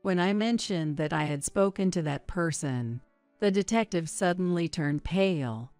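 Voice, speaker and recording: Casting: woman narrator, low and dry, with soft music under her. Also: animated, normal speed, clean tone, no room sound. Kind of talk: scripted narration.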